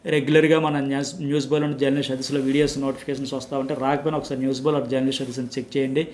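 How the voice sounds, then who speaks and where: Fast-talking man reviewing a TV episode. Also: mid-range voice. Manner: animated, repeats words for emphasis; acts out quoted family talk. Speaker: TV show reviewer. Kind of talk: casual spoken episode review.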